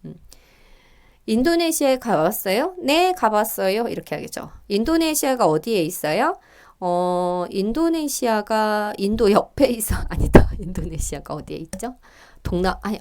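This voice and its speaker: Here a middle-aged Korean teacher goes over reading test questions, chuckling softly and using fillers as she reasons aloud. She lifts her voice, making it higher and livelier, to read the sample dialogues.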